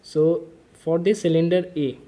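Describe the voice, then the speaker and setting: High-voiced man tutoring step by step. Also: fairly even intonation, measured pace, dark tone. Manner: methodical, step-by-step explaining with filler "okay". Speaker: engineering mechanics tutor. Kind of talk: whiteboard-style problem-solving lesson.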